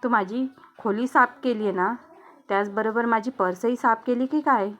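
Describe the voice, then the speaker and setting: A woman storyteller voicing a suspicious, sharp-tongued older mother-in-law who scolds and accuses. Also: on the high side, moderate pace, lo-fi sound, natural voice. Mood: accusing.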